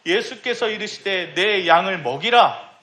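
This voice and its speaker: A man's voice: high voice, lively intonation, measured pace, pushed and bright. A young man preaching a sermon in a church, impassioned and rising to emphatic pleading. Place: church sanctuary.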